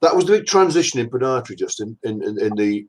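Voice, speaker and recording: An older Englishman, an anatomist appearing as a guest on a casual video-call interview, tells rambling, self-deprecating career stories. His medium-pitched, darkish voice is expressive and quick.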